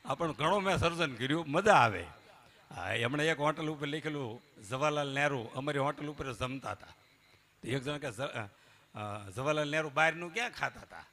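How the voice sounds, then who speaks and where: Animated man telling jokes. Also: fairly high pitch. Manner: animated, jokey, swings from loud to hushed. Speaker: folk comedian and storyteller. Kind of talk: live stage comedy storytelling. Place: live stage before a temple audience.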